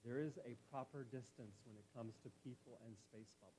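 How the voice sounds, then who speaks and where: A man's voice: medium pitch, steady tone, brisk, warm tone, a little hiss or hum, poor audio. A man in his fifties preaching a casual, conversational sermon in a church, full of folksy, playful stories about home life. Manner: folksy, anecdotal, playful asides.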